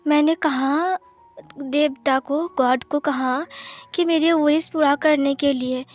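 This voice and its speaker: A woman's voice: very high-pitched, steady tone, measured pace, soft background music, pitched above the performer's own voice. A woman voicing a frightened, tearful young man who stammers and pleads, in a fan-fiction story reading. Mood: shaken, tearful. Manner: stammering, pleading, breaks off mid-word.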